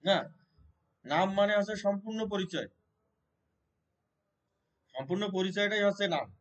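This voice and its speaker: Male Gita teacher, fairly high voice, patient questioning delivery at a temple class. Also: animated, moderate pace, fairly bright tone, poor audio. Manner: explains by questioning listeners, repeats and restarts. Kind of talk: devotional scripture class. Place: Shiva temple gathering.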